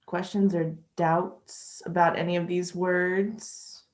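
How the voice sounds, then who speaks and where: A woman's voice: on the low side, level tone. A woman teaching English in a patient, chatty way during an online lesson. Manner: slow, patient, chatty with light laughs. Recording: echoey room.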